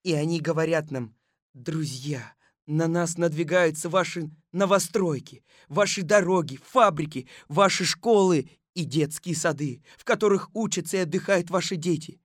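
A man's voice: on the high side, moderate pace, no echo, studio quality, lightly acted. Kolobok, a man voicing a rousing detective. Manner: rousing speech-making. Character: earnest male detective chief, persuasive orator. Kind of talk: audiobook reading.

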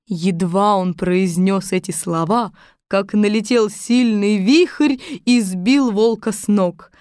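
A woman narrating a fairy tale with expressive storytelling. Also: medium pitch, slow, clear, resonant tone, dry recording, clean studio sound.

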